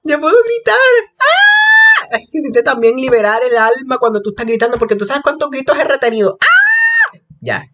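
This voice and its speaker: A young man giving casual, gossipy reaction commentary, excitable and prone to sudden shrieks. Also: very high voice, fast talker, hardly any pauses, shouting, muffled recording, very noisy. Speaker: reaction vlogger.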